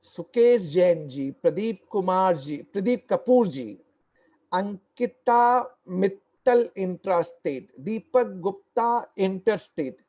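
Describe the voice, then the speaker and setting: A man giving an online tax lecture, slow and deliberate, repeating key points and quizzing his listeners. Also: high-pitched, animated, a little mellow, muffled recording.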